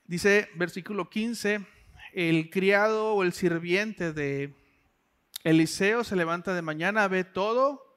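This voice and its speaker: Man, preacher, high voice, conversational sermon. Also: takes it slowly, fairly bright tone, smooth. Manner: conversational, asks the listener direct questions.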